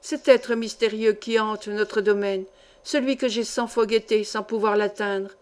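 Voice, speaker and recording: A woman's voice: mid-range voice, steady tone, a little slow, smooth, lightly acted. A woman reading the part of a young miner, speaking earnestly and emphatically. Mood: emphatic.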